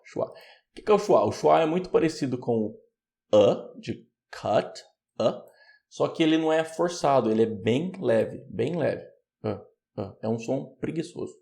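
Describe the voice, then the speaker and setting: A man with a Brazilian Portuguese accent teaching English pronunciation, patiently explaining and repeating words slowly. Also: medium pitch, gravelly, dark tone. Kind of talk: online pronunciation lesson.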